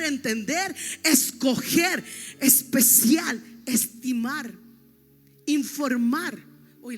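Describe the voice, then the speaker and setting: A woman pastor preaching a sermon, teaching with emphasis and often checking that her listeners follow her. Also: high voice. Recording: long reverb, faint music.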